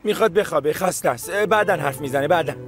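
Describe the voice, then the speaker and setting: A man's voice: a little high, music in the background, lightly acted. A man playing a bitter husband and protective father who speaks harshly and accusingly in a dubbed TV drama. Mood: resentful. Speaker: dub actor.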